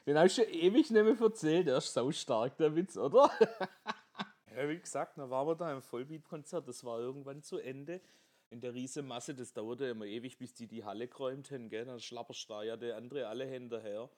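A man telling jokes in a casual podcast monologue, chatty and quick to laugh at his own punchlines, recorded on a headset microphone. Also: medium pitch, darkish tone.

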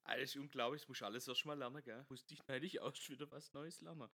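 Speaking into a headset microphone, a man delivers a joke-filled podcast monologue, chatty and laughing readily at his own punchlines. His mid-range voice sounds bright and forceful.

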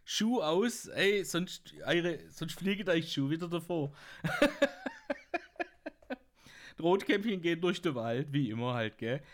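A podcast host with a Swabian German accent delivers a joke-telling monologue, often bursting out laughing at his own punchlines. His voice is on the high side, and he speaks slowly with long pauses.

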